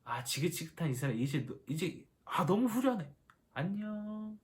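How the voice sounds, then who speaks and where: A man's voice: high-pitched, big pitch swings, normal speed, a little mellow, voice pushed up. A man voicing an aged, weary leader venting his feelings in an exaggerated, sighing way. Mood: gleeful relief.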